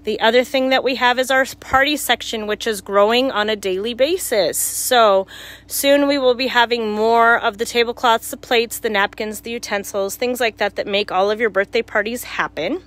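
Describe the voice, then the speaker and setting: A woman's voice: fairly high pitch, normal speed, a bit bright. A woman giving a casual walk-through tour of a shop's goods as a store worker. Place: small cluttered shop, indoors. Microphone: handheld phone.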